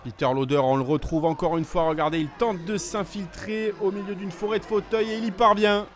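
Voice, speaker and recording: A man giving excited sports commentary, calling the play as it happens with urgency on each attack. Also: high voice, brisk.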